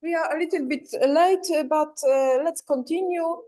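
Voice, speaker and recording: High-voiced Polish-accented woman chairing. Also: normal speed, dark tone, slight background noise. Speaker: conference session chair. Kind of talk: live moderating.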